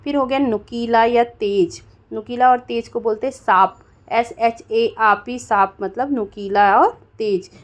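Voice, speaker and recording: A woman leads an English vocabulary lesson at a slow, careful pace. Her voice sits a little high, and she spells each word out letter by letter, pausing often to check in with her viewers. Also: steady tone. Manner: slow, deliberate spelling with frequent "theek hai dosto".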